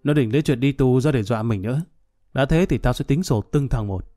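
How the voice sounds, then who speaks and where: Guy reading as a drunk angry tough guy, ranting threats, mellow low-key tone. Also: a little fast, soft background music, close to an everyday voice. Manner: blustering, vengeful rant. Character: drunk, hot-tempered middle-aged man, boastful and threatening.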